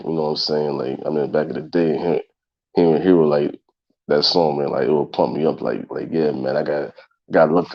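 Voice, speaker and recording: With a bass voice of darkish tone, gravelly, husky and congested, a man in his thirties hosts his own casual solo talk show as a podcaster. His delivery to listeners is loose and repetitive, captured in dull lo-fi sound.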